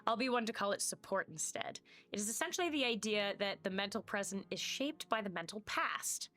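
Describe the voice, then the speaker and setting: A woman's voice: medium pitch, animated, a little fast, bright, forceful tone. A woman doing a fussy halfling scholar. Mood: lecturing. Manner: formal, precise and long-winded. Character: fussy male halfling scholar, pedantic therapist.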